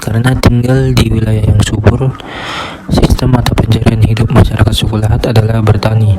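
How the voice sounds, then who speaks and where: A young man, a student, reading his class presentation in a steady, scripted way. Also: fairly low pitch, brisk, heavy background noise. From Indonesia. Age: young adult. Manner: steady, reads from a script in a flat tone.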